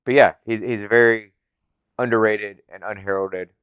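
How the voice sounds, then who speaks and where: A man's voice: fairly low pitch, steady tone, normal speed, smooth, no room sound, phone-quality sound. A man hosting a casual solo podcast, talking with enthusiasm and rambling with fillers and restarts. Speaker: podcast host.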